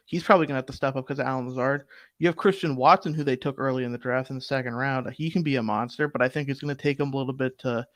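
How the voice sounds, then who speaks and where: A young man co-hosting a sports betting show, arguing football picks in casual, animated talk full of fillers. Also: fairly high pitch, no echo. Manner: animated, argumentative, rambling with fillers.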